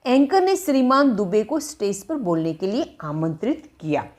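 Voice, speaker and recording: A woman's voice: medium pitch, sing-song, moderate pace, a little mellow. A woman teaching English phrasal verbs, repeating and dictating example sentences as she explains.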